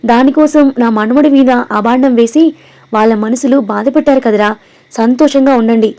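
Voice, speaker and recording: Give me a hurt, dignified old grandmother, read by a woman, with a mellow tone. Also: fairly high pitch, normal speed, lightly acted.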